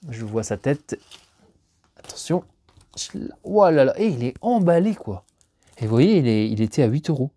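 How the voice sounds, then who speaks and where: A chatty man talks through an unboxing at home, rambling with plenty of fillers and false starts. His voice is mellow and warm, recorded close and dry on a camera mic, and it jumps higher whenever something excites him. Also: moderate pace, long pauses, dry recording. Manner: lively, jumps up in pitch when excited. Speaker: YouTuber unboxing discs. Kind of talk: casual unboxing chat.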